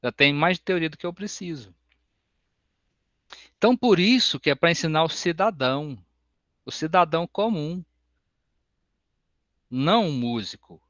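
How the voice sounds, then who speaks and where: A man giving an open music class, explaining slowly and breaking into sung solfège syllables. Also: on the high side, expressive, fairly bright tone, no echo. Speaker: music teacher. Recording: dull, lo-fi sound.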